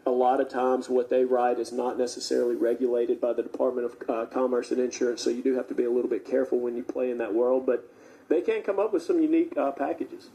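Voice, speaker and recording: A man speaking as an expert guest on live radio, explaining things in a measured, informal way. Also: mid-range voice, steady tone, vocal fry, mellow, low-quality recording.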